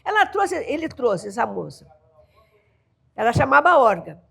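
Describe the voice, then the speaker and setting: At normal speed, an older woman from the São Paulo coast, Brazil, tells folk stories in caiçara-accented Brazilian Portuguese as an interview guest. Her fairly high voice is gravelly with a breathy edge, and she laughs and voices family members in lively dialogue.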